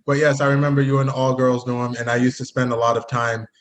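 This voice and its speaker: Talking fast with a completely flat delivery, a man with a medium-pitched voice hosts a podcast and ribs his old college friend in a casual interview chat. He comes from a Haitian family and spent part of his upbringing in Canada.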